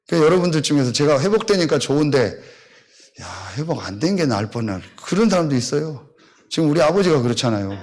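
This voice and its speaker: A man from Seosan, a pastor, preaching a blunt sermon full of rhetorical questions to his congregation. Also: a little high. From Seosan, South Korea.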